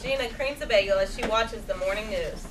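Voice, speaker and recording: Seated before an audience on a small theatre stage, a woman briskly reads stage directions at a table read. Her mid-range voice is picked up by a distant camera, making for a noisy recording with crowd noise.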